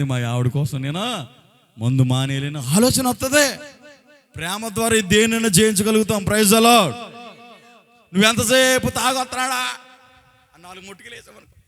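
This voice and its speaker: A pastor from Andhra Pradesh preaches a sermon in a fairly high voice. He talks colloquially, throwing rhetorical questions at the congregation and exhorting them. His voice now and then swells when he drives a point home. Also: fairly bright tone. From Andhra Pradesh, India. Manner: exhorting, often breaking into short acted quotes and raising his voice.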